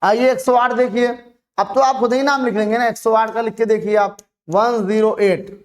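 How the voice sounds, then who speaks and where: A teacher explains a chemistry lesson to students online, with a voice of middling pitch. Each question gets asked aloud and answered straight away. Terms are spelled out and repeated slowly so they stick. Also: fairly even intonation.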